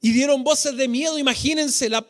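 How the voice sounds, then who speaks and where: Man, Chilean accent, very high voice, fervent preaching, drawn-out sung phrasing, church sermon. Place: church hall.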